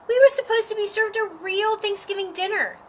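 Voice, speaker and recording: A woman's voice: very high-pitched, fairly quick, slight background noise, voice pushed up. A woman voicing a pushy, blunt, indignant young girl in a storybook. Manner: blunt, talks over others.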